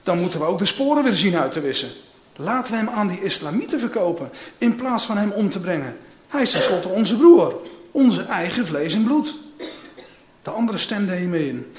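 A man's voice: high-pitched, a little hiss or hum. A man preaching, reading a scripture passage aloud and giving dramatic voice to the speakers in it, then starting his sermon. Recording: echoey room.

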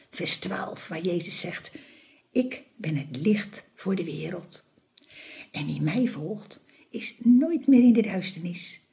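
A woman giving a morning devotional in a soft, gentle voice that often drops to a half-whisper. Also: fairly low pitch. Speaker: devotional speaker.

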